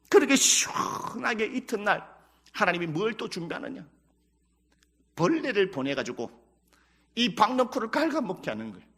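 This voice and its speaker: A man's voice: high-pitched, sharp tone. A male pastor preaching a sermon in a Chungcheong Korean accent, emphatic, breaking into dramatic acted prayers and quotes.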